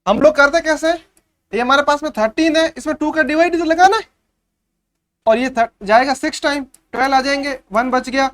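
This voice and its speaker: A man's voice: extremely high pitch, normal speed, a bit bright. A man teaching a maths revision class for young pupils, explaining step by step and often checking that the class has understood.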